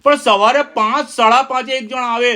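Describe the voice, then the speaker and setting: A middle-aged male preacher from India, leading a sermon with call-and-response. His voice is high and bright, with a forceful edge. He presses his points hard and keeps firing questions at his listeners. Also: steady tone, normal speed. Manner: emphatic, asks the listeners many questions.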